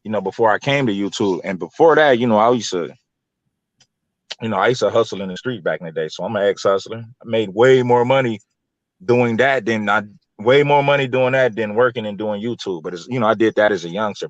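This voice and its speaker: A YouTube content creator from Los Angeles, an American man in his 30s or early 40s, probably in his late thirties, talks fairly quickly in a voice on the low side. As an interview guest he rambles colloquially and repeats himself. The audio is dry and dull.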